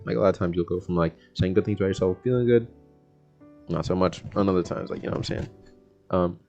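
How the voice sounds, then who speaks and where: A young American man, a vlogger, rambles through a casual self-help monologue in a laid-back, slangy way. His low voice moves at a quick pace with a darkish tone. The recording is muffled, with soft music in the background.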